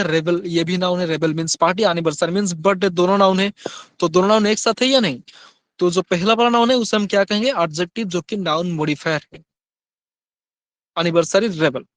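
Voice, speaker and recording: High-voiced man teaching grammar. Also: a bit bright, no room sound. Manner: reads English examples slowly, explains quickly in Hindi with questions. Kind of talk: Hindi-English grammar lesson.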